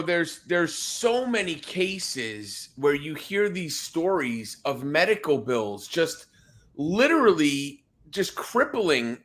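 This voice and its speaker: This man runs a podcast and keeps the interview casual, often starting over, saying things twice, and ribbing his guest in fun. His voice is a little high and somewhat bright.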